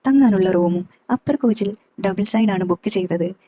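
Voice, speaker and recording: A woman reads a first-person story aloud in a steady, even voice at a middle pitch. The recording is slightly muffled and very dry. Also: moderate pace, no echo. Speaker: story reader.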